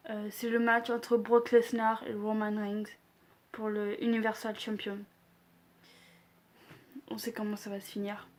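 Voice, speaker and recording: Slow, flat-voiced young woman vlogger. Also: medium pitch. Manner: hesitant, many fillers, self-deprecating. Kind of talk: casual wrestling predictions vlog.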